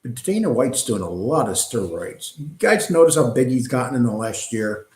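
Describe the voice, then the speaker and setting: A man's voice: medium pitch, sing-song, normal speed, a little mellow. A middle-aged man from New hosts a casual live stream, rambling and reading chat with frequent ums and uhs. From New York. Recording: echoey room.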